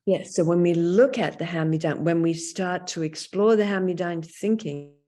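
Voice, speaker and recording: A woman guides a group through a teaching talk on a video call, her voice sitting a little low and unhurried. She often checks in with a questioning "yes?". The call audio is corrupted and glitchy, dropping out in patches mid-sentence. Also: dark tone. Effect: call audio cutting out in glitchy dropouts. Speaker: group facilitator.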